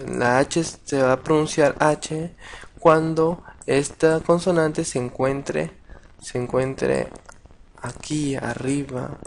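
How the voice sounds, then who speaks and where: A man teaching a casual video lesson, patient and halting, with many restarts and repeated words. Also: mid-range voice, a little hiss or hum. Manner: patient, addresses viewers directly. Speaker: language teacher.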